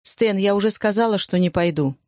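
A narrator voicing a firm young wartime wife who speaks calmly and steadily, in a dry recording. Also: mid-range voice, a little fast, no room sound, lightly acted.

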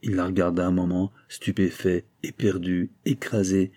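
A man reading a classic novel aloud at a slow, measured pace. His voice is low and dark, with a husky grain throughout. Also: level tone. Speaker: audiobook narrator. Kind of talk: audiobook narration of a classic novel.

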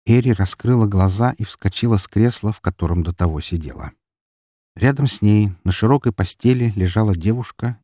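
A man narrating an audiobook in a dramatic, expressive reading. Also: sits low, no echo, clean studio sound.

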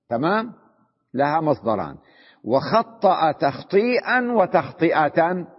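A man's voice: mid-range voice, slightly rough. A man teaching a grammar lesson as a sheikh, reading a text aloud and then explaining it, often checking that his students follow. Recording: dull lo-fi recording in a reverberant hall.

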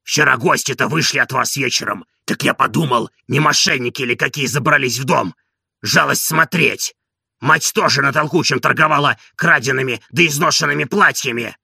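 A man voicing a hoarse, devoted old servant in an audiobook, indignant and boastful. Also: medium pitch, normal speed, sharp tone, no room sound, studio quality, exaggerated voice. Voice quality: gravelly, hoarse.

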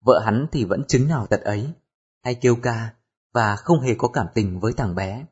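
A man narrating an audiobook in a steady storytelling voice. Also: mid-range voice, normal speed, husky. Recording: dull lo-fi recording with music.

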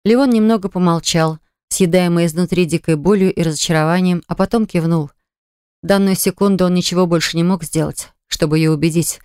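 A woman narrating a romance audiobook in a measured, expressive way. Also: fairly low pitch, smooth, no echo, clean studio sound. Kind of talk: scripted narration.

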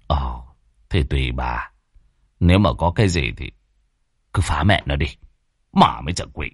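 A man's voice: very deep voice, expressive, moderate pace, slightly rough, no room sound, clean studio sound, pitched below the performer's own voice, exaggerated voice. A man voicing a harsh, scolding middle-aged village chief. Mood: gruff.

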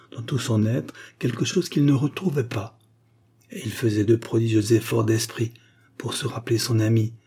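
A man narrates a classic story with measured, expressive pacing. His voice is dark and mellow, with a husky, slightly breathy texture. The delivery is calm and literary, suited to an audiobook reading. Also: medium pitch.

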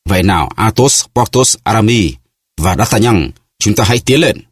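A man's voice: on the low side, animated, moderate pace, husky, no room sound, clean studio sound, voice pushed up. A man voicing a grave, proud musketeer. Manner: grave, formal. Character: grave wounded male musketeer, proud and calm.

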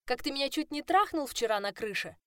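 A woman's voice: high voice, lively intonation, a little fast, no echo, studio quality, pitched above the performer's own voice. A woman voicing an angry, betrayed young heroine in a first-person audiobook. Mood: furious. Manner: shouting, accusing.

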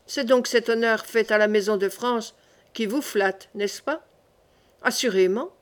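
A cool, scheming older queen mother, read by a woman, who weighs each word and probes with questions. The voice is slightly high. It is a plain storybook reading. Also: lightly acted. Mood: probing.

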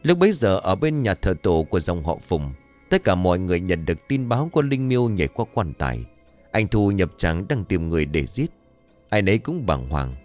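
A man's voice: low-pitched, very animated, a little fast, a little mellow, soft background music. A man narrating a horror story in a dramatic, suspenseful way.

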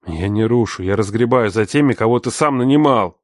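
A man's voice: fairly low pitch, brisk, no room sound, clean studio sound, natural voice. A man voicing a grown son who answers his father with terse, bitter retorts in an audiobook reading. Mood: defiant. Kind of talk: audiobook narration.

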